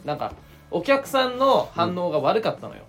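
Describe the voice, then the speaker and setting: A young man co-hosting a casual comedy podcast, chatting in quick, animated banter with occasional shouts. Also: high-pitched, faint music behind. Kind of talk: casual chat.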